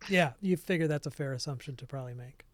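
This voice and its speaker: A man serves as game master, laying out rooms and rulings in a relaxed, searching way. His voice sits fairly high. The sound is dry and close, with no room around it. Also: fast talker, no echo. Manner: relaxed, descriptive, thinks aloud. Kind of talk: narrating a tabletop game.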